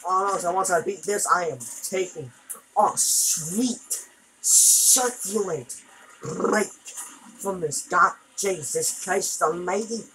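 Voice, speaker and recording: A woman's voice: fairly low pitch, takes it slowly, a bit bright, slight background noise, poor audio. A woman commenting on her gameplay as she plays, frustrated, exclaiming and cursing at the game. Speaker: gamer.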